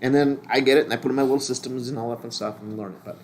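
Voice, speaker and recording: A man's voice: mid-range voice, fairly even intonation, very fast, darkish tone, a little hiss or hum. An older man teaching a lay ministry class in a casual, rambling way, often restarting his sentences.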